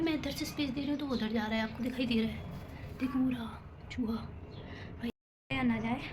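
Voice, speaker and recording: A young woman vlogger with a slightly high voice talks straight to camera in a nervous, rambling way, poking fun at herself as she goes. Faint noise sits under the recording. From India. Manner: nervous, rambling, self-mocking chatter. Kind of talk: casual vlog talk to camera. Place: rooftop and home room, indoors and out.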